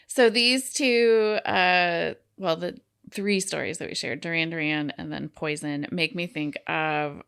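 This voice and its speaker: A woman in her forties co-hosting a podcast with a gravelly edge. She chats casually and enthusiastically with her co-host. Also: deep voice, a little slow, a bit bright. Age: 40s. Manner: enthusiastic, laughs often. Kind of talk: casual chat.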